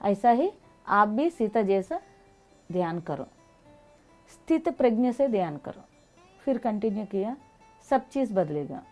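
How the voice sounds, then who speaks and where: A woman guest telling personal stories, speaking animated, non-fluent Hindi mixed with English. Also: mid-range voice, a little slow, pauses often, faint music behind. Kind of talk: personal storytelling in an interview.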